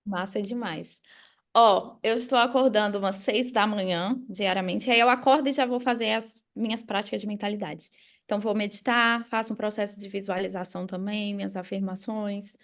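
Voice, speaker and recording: A Brazilian woman, a coach appearing as a podcast guest, explains things in a casual, conversational interview. Her voice is mid-range and steady in tone, at a moderate pace.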